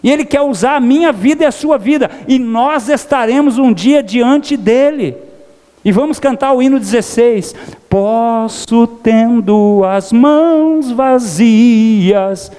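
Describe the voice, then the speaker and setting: A man's voice: very high-pitched, normal speed, darkish tone, in a large hall. A Brazilian pastor preaching a sermon to his congregation, calling out praise and direct questions to them. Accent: Brazilian Portuguese. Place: church.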